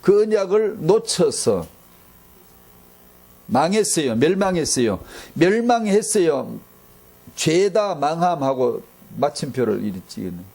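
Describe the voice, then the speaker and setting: A man's voice: on the high side, very animated, measured pace, vocal fry, dark tone. A man preaching a sermon as pastor, firing off rhetorical questions, repeating himself for emphasis and bantering with the congregation.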